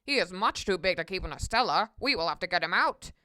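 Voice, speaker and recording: Woman as a storybook cop, male, deepened voice, loud, stern, brisk. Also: lively intonation, dry recording, studio quality. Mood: decisive.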